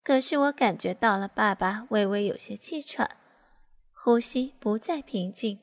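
A woman reading a first-person story aloud at a smooth, even pace. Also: medium pitch, measured pace.

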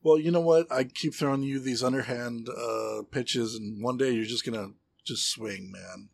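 A man's voice: mid-range voice, moderate pace, creaky, no echo. A man, a comedian and podcast co-host, chatting casually and telling jokes in a rambling way, full of fillers and restarts.

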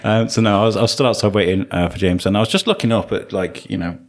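A man's voice: lowish voice, steady tone, fast. A man hosting a podcast in a casual, jokey, rambling way, often repeating words as he gets going. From Telford, England, and North Wales. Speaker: podcast host. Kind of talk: casual interview chat.

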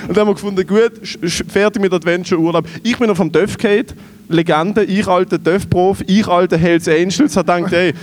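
Swiss German male podcast co-host with a high voice; spins comic anecdotes, laughing as he goes. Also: fairly even intonation, brisk. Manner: laughs through his stories, acts out quoted voices. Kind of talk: comedic storytelling.

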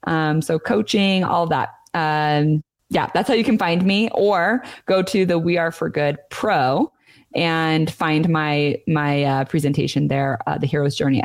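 Female podcast guest, low-pitched and talkative, advising conversationally in a dry recording. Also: a little mellow, no room sound. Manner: chatty, talkative. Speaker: podcast guest, nonprofit consultant. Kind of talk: conversational advice.

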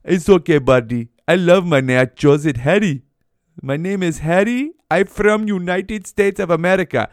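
A man's voice: on the high side, completely flat delivery, extremely slow, few pauses, mellow, clear, resonant tone, no room sound, clean studio sound. A man voicing a male store clerk who cheerfully insists his name is Harry. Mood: cheery insistence.

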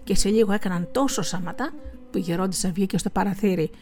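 A woman tells a folk tale in an even, storybook manner, giving each scene a measured expressive lift. Her voice sits in a middle range, with faint music underneath. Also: medium pitch. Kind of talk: storybook narration.

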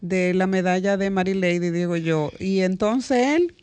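A woman's voice: mid-range voice, darkish tone, smooth. Earnest Dominican woman co-host. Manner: earnest, storytelling, quick interjections. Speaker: radio show co-host. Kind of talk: casual panel chat.

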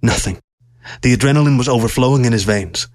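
A man narrating a science-fiction story aloud with steady, measured storytelling. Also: mid-range voice, dry recording.

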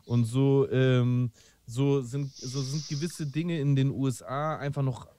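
A man with a mellow, darker voice, recorded close and dry. He speaks earnestly in casual conversation, often pausing on filler words. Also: mid-range voice, fairly even intonation, dry recording. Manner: earnest, many hesitations. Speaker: podcast co-host. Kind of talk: casual chat.

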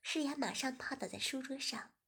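A woman narrating a story, reading evenly and sometimes dropping into a soft whisper. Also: sits high, normal speed, vocal fry, breathy edge.

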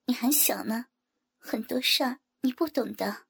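Coy young woman voiced by a woman narrator, high soft voice, breathy, audio storybook. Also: normal speed, heavily acted.

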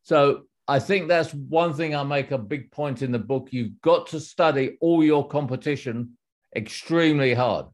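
In an interview, a middle-aged former executive turned author lays out his answers in a measured, explanatory style with many restarts. His voice is a little high.

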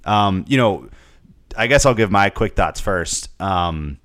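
A man's voice: low voice, animated, slow pace, fairly bright tone, no echo, studio quality. A young man co-hosting a casual sports podcast, rambling with many fillers and repeated words. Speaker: podcast co-host.

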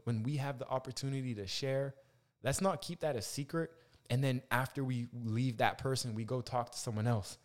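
A man hosting a podcast in a casual motivational monologue, using Rasta-influenced slang, reflective and repeating phrases for emphasis. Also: medium pitch. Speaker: podcast host.

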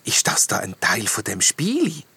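A man voicing a gentle young mermaid girl who talks softly and quietly, in a storybook reading. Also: fairly low pitch, wildly swooping pitch, measured pace, creaky, husky, no echo, full character voice. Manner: soft and quiet.

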